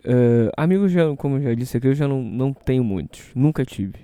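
Hungover Brazilian man, very dark mellow voice. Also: medium pitch, lively intonation, brisk, smooth, no echo. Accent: Brazilian Portuguese. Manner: hesitant, rambling. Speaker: solo show host. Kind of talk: casual rambling monologue.

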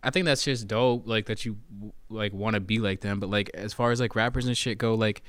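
A man's voice: fairly low pitch, steady tone, a little fast, a bit bright, no echo. A man from the Southern United States, a rapper guest in a casual conversation, talking in laid-back slang.

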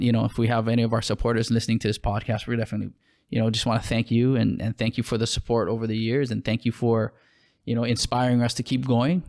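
Gravelly Hawaiian man, halting chat. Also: mid-range voice, darkish tone. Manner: halting, many restarts and fillers. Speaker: podcast co-host, clothing brand owner. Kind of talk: casual podcast chat.

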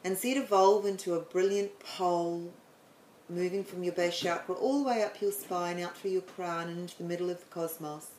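A woman explaining the planets in a chatty way, then leading a guided meditation with slow, soothing instructions and some stumbles. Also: on the low side, steady tone, a little mellow, echoey room, slight background noise, poor audio. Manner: chatty, apologetic, stumbles over words.

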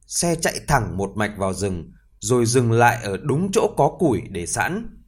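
A man narrating a fairy tale for listeners in a lively, expressive reading voice. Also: medium pitch, normal speed, husky. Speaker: storyteller.

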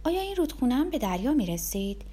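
Female storybook narrator; expressive first-person telling, animated pitch. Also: slightly rough. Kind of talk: storybook reading.

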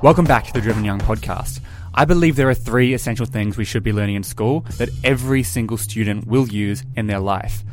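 Host, young man, quick and upbeat delivery, music playing underneath. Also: mid-range voice. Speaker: podcast host. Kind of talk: podcast interview.

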